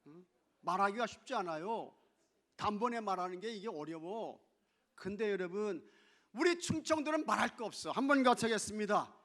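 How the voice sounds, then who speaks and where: A man preaching a sermon as pastor, shifting from loud exclamations to hushed asides and playfully mimicking regional dialects. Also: high-pitched, expressive, moderate pace. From not from Chungcheong. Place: church sanctuary.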